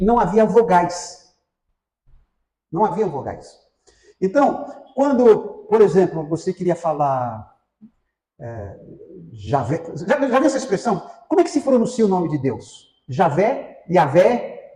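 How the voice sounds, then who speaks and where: A man with a Brazilian Portuguese accent leads a church Bible class, his voice high and bouncing up and down. He talks to the class conversationally, with plenty of fillers and questions to the room. The recording carries a noticeable echo from the church room. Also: dark tone.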